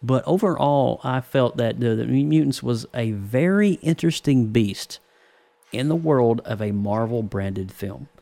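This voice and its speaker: A man co-hosting a casual movie podcast, rambling with many restarts and quick laughs. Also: mid-range voice, vocal fry, mellow. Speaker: podcast co-host, film reviewer. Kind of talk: casual chat.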